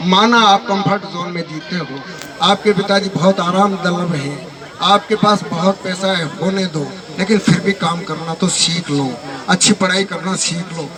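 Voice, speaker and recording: A man's voice: sits high, normal speed. A man giving a stern motivational speech to students on a microphone in a hall, recorded from a distance. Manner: stern, admonishing. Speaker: motivational speaker and teacher. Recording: distant mic, loud crowd.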